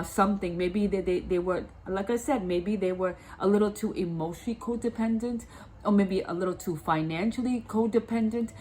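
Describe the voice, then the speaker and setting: A woman with a medium-pitched, slightly mellow voice gives a tarot reading while stuffed up from a cold and a blocked nose. She often repeats and restarts her words and keeps checking that the listener understands, on a rough recording with a little hiss or hum.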